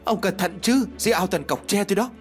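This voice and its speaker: A man voicing a shrill, panicky village wife. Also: fast talker, soft background music, close to an everyday voice. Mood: panicked. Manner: anxious, shrill and pleading. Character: frightened middle-aged village wife.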